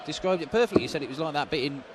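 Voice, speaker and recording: A man's voice: fairly high pitch, lively intonation, very fast, a loud crowd. A man giving conversational, opinionated and emphatic live darts analysis as co-commentator. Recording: loud venue noise behind the commentary.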